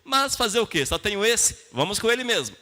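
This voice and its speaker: A man's voice: high voice, sing-song, a little fast, pushed and bright. A Brazilian man preaching a sermon to a congregation as a pastor, teaching in plain colloquial words with rhetorical questions and short emphatic phrases. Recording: long hall reverb.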